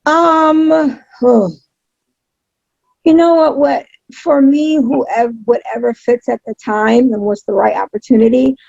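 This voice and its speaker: A woman with a heavily creaky, fairly high voice gives an interview in a casual, emphatic way. She repeats phrases to drive points home. The tone is husky and the audio is dull and lo-fi. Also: fairly even intonation, a little slow, darkish tone, no room sound. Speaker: interview guest, pro wrestling announcer.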